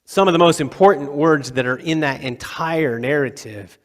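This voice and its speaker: Man preaching in a reverberant hall. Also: fairly high pitch. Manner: conversational, dramatic pauses, acts out quotes. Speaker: pastor. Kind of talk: sermon. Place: church sanctuary.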